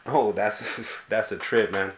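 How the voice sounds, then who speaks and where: A man's voice: fairly low pitch, a little slow. A man hosting a casual live stream, hesitant and often stammering over repeated words. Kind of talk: casual chat.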